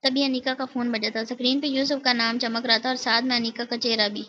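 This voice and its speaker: A woman narrating a romance novel in a steady, even reading. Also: on the high side, muffled recording, a little hiss or hum. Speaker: audiobook narrator.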